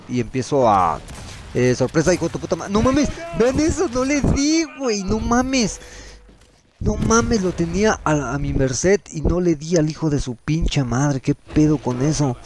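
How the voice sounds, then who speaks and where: A man with a Mexican accent giving profane, excitable commentary while playing a shooter game. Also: mid-range voice, slight background noise. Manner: excitable, swears constantly, yells at enemies. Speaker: gameplay streamer.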